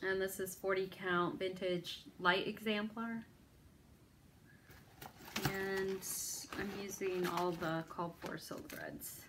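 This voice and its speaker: Speaking slowly in a level, medium-pitched voice, a woman hosts a needlework video with background noise. She chats casually about her stitching projects in a rambling, self-deprecating way, often saying um and restarting.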